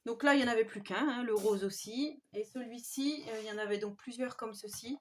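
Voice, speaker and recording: A woman vlogger doing a casual show-and-tell of scrapbooking papers, speaking softly and admiringly with frequent hesitations. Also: fairly high pitch, brisk. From France. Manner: soft-spoken, admiring, with frequent fillers.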